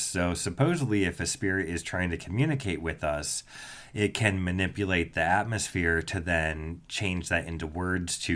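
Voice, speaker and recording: Low-voiced man hosting a ghost podcast. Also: a bit bright. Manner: skeptical, explanatory, easygoing. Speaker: podcast host, ghost tour guide. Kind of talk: casual podcast chat.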